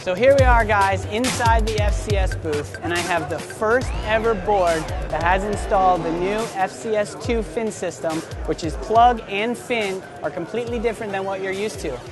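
A man's voice: sits high, moderate pace, few pauses, over loud music. A young man in his twenties hosting an enthusiastic, salesy product demo at a busy indoor expo booth, talking close to the camera. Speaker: surf shop host. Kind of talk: trade show product demo.

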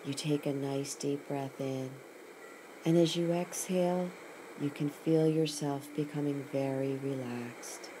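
Guiding a scripted meditation, a woman speaks in a very low, dark-toned voice, slow and calming, with a pause after each short phrase. The recording is rough, and clear ambient noise plus ocean sounds are present all the way through.

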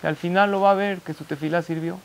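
A man preaching as a rabbi. His voice sits fairly high. He tells a story and animates the quoted voices of its characters. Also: steady tone, fast talker, gravelly. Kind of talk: sermon with storytelling.

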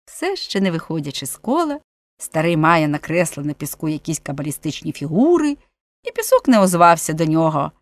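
Audiobook narrator, female, expressive storytelling, dead-dry close mic. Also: low-pitched, no room sound.

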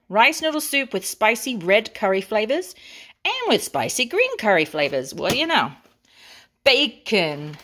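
A woman's voice: on the high side, a bit bright. Chatty English woman showing off groceries. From England. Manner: chatty, playful, savoring each item. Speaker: vlogger. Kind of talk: grocery haul show-and-tell.

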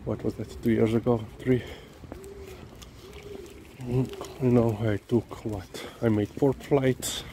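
Out walking his dog, a man vlogs in a casual walk-and-talk monologue, his speech halting and full of restarts, with pauses filled by "um" and "you know." His medium-pitched voice is level and dark in tone. He walks holding the camera low, and outdoor noise can be heard behind him.

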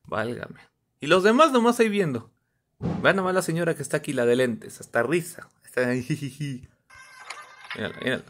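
Lively man mocking video clips. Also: on the high side, a little fast. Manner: animated, mocking, bursts into shouts and laughter. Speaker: reaction video host. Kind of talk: comedic reaction commentary.

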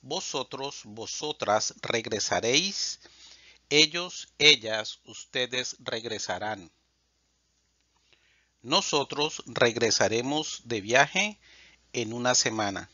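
A man teaching Spanish, reading verb conjugations aloud in a measured, drilled way. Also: mid-range voice, expressive, pushed and bright, dry recording. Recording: dull lo-fi dry sound.

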